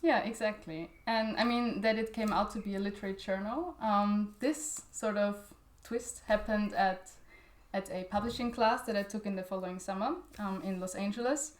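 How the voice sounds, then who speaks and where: In an echoey room, a young woman of medium pitch speaks at a moderate pace. She's an Austrian journal founder whose native tongue is German, appearing as a guest in a conversational interview, often laughing and leaning on fillers and restarts.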